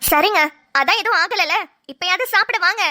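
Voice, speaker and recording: A woman's voice: extremely high pitch, a little fast, pushed and bright, dry recording, clean studio sound, heavily acted. A woman voicing a practical sister-in-law in a cartoon who nags and scolds in exasperation. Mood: coaxing. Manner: nagging, exasperated. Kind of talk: cartoon voice acting.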